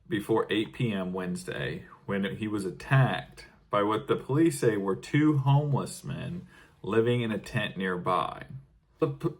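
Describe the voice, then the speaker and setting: A man co-hosting a casual comedy podcast, reading news clippings aloud with dry, wry asides. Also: lowish voice. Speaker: podcast co-host.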